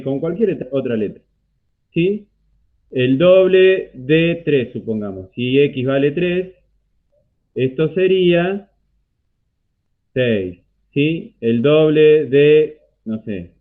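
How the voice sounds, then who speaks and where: A man with an Argentine accent teaching a math class online, explaining step by step and checking in often with a rising "¿sí?". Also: medium pitch. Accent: Argentine Spanish. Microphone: computer mic on a video call. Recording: tinny phone-like video call audio.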